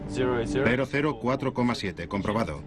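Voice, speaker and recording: An actor as a male airline first officer, giving clipped procedural calls in a documentary re-enactment. His mid-range voice swings in pitch, with loud music and aircraft noise behind it. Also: lively intonation, normal speed, lightly acted. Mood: procedural, focused. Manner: clipped pilot radio phraseology. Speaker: airline co-pilot.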